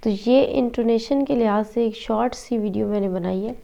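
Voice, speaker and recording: A woman's voice: on the high side, normal speed, creaky, warm tone, lo-fi sound. A woman teaching an online English lesson, explaining patiently and slipping between Hindi-Urdu and English.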